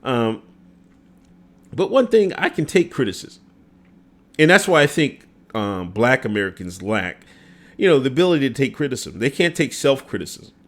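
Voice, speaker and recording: A middle-aged man chats through a casual livestream in a mid-pitched voice. His pitch swings widely as he talks, and he breaks into laughter often between loose, filler-heavy sentences. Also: sing-song, moderate pace, long pauses. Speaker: show host.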